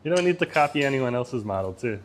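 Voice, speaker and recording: A man with an animated, quick-paced voice live streams casually from a Vietnamese restaurant on his phone, with a little hiss or hum. He chats with ease, reads the chat aloud, laughs often, and admits his voice is loud before dropping it.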